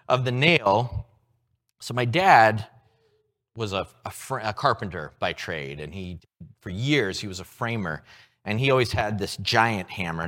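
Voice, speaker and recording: A man preaching a sermon, moving from hushed, low lines to loud, excited ones as he acts out everyday scenes. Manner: animated, with props and shifts from hushed to loud. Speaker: pastor.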